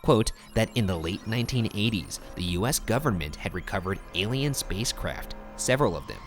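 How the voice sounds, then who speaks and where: A man with a low voice narrates a documentary script in a steady, measured way. Music plays clearly behind him.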